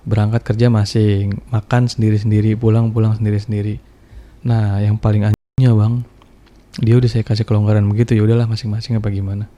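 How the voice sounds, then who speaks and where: Seorang pria berlogat bercerita santai tentang pengalamannya, blak-blakan, kasar, dan penuh bahasa gaul. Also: male voice, on the low side, flat delivery, quick pace, dark tone. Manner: blunt, profane, slangy. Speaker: guest telling a personal story. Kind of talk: casual storytelling chat.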